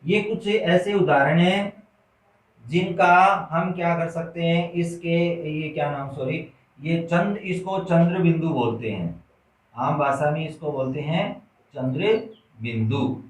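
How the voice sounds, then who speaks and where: Male schoolteacher, slightly high voice, slow drilling delivery, echoey far-off recording. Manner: slow, repetitive question-and-answer drilling, addresses children as "beta". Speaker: Hindi teacher. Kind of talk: classroom grammar lesson. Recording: roomy echo, distant mic.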